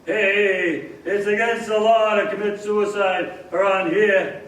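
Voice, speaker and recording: A man's voice: high voice, fairly even intonation, slow, a bit bright, far from the mic. A man voicing a plainspoken, easily spooked bridge keeper in a radio drama, folksy and abrupt. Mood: baffled. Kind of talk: live old-time radio drama acting. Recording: echoey, noisy theater stage from afar.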